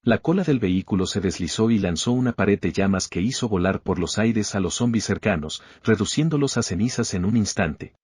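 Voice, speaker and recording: A man narrating a story recap in a steady, even storytelling manner. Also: lowish voice, fairly quick, hardly any pauses, husky, no room sound, studio quality.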